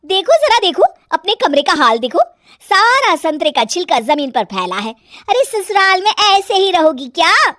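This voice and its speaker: Woman doing a shrill bossy young wife. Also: sing-song, normal speed, fairly bright tone, no echo, clean studio sound, exaggerated voice. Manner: shrill, scolding. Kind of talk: cartoon story voice acting.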